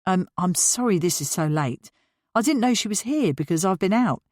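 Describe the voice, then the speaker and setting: A woman reading the part of a polite middle-aged father who speaks slowly and calmly, hesitating with ums. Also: mid-range voice, dry recording, studio quality, natural voice. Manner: slow, calm, hesitant with ums.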